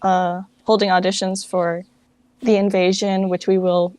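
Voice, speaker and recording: This woman's mid-range, darkish voice is flat and a little slow, with no room sound around it. She is being interviewed as the founder of a fan dub project, and her casual, faltering speech relies on lots of fillers, often "like."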